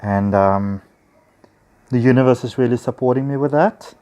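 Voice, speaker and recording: With a South African accent, a spiritual healer and teacher speaks to viewers in an enthusiastic, chatty vlog shot on a handheld phone. His mid-range voice has a dark tone and moves at normal speed, and his manner is casual and effusive.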